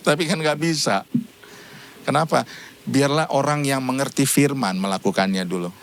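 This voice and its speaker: A man's voice: mid-range voice, moderate pace. A man, a pastor, giving a humorous church sermon, telling stories and acting out conversations with his wife, chuckling between points. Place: church service.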